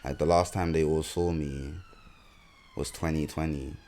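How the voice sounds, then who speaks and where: A man's voice: extremely low pitch, fairly even intonation, measured pace, warm tone, slight background noise. A young man with a London accent, co-hosting a podcast and telling rambling stories full of slang in casual chat. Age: young adult. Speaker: podcast co-host.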